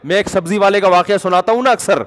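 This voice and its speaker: Male preacher telling stories, fairly high voice, animated, long echo from the hall. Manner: animated storytelling, drops low to act out quotes. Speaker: religious scholar. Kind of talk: conversational religious talk with anecdotes.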